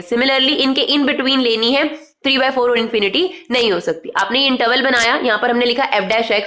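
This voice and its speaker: A woman's voice: a little high, a bit bright. A woman teaching a math lesson step by step, mixing Indian-accented English into Hindi and answering her own questions. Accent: Indian English mixed into Hindi. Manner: patient, asks questions then answers them.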